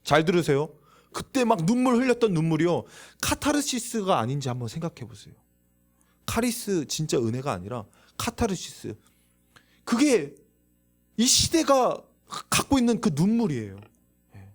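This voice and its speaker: A man's voice: on the high side, moderate pace, faint music behind. A man preaching a youth sermon in a church, asking the listeners questions and acting out voices. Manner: lively, acts out quoted voices, asks the audience questions. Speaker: youth pastor. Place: church sanctuary.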